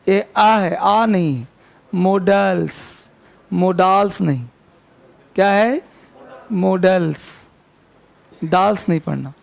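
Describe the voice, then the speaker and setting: A man leads a grammar lesson in a classroom, his voice pitched high with a rough, gravelly texture. He repeats key points, corrects pronunciation and calls the students to order in a fond, chiding way. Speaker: English teacher.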